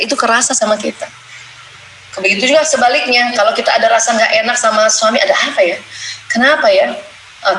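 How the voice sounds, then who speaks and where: A middle-aged woman giving a playful religious marriage talk to women, acting out little prayers and dialogues. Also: a little high. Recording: echoey room with loud background noise.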